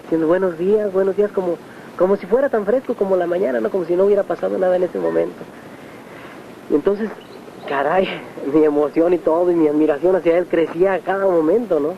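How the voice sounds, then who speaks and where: A man's voice: sits high, fast talker, gravelly. A man with a Mexican Spanish accent recounting personal memories, acting out quoted speech as he tells the story. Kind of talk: personal testimony. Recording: muffled 1980s tape with faint hiss.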